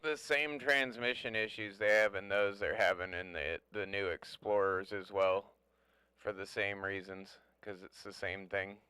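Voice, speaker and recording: This man's lowish voice sounds bright and forceful, with fairly even intonation and a slightly slow pace, as he chats casually over CB radio about trucks. He's blunt, opinionated and swears freely, and the very noisy signal is peppered with clicks.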